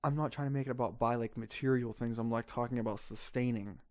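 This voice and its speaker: A man's voice: mid-range voice, steady tone, fast talker. Rambling, stammering man podcaster. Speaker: podcast co-host. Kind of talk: casual chat.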